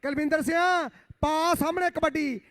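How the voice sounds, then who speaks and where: A man giving live kabaddi commentary in exclamatory, rhyming chants with drawn-out phrases. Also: extremely high pitch, steady tone, a bit bright, dry recording, clean studio sound.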